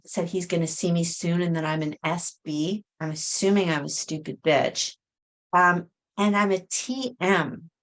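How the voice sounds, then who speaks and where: Middle-aged woman, vlogger, slightly low voice, hesitant and frank delivery. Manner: hesitant, many fillers and restarts. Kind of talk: casual talk to camera.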